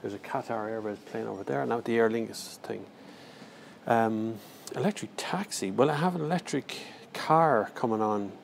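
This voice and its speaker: A man's voice: on the low side, normal speed, creaky. An Irish man chatting casually and jokily on a live stream from his phone, rambling as he answers viewers. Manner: rambling, jokey, slangy. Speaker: car reviewer livestreaming. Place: large indoor airport terminal. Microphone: handheld phone. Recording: faint airport terminal noise.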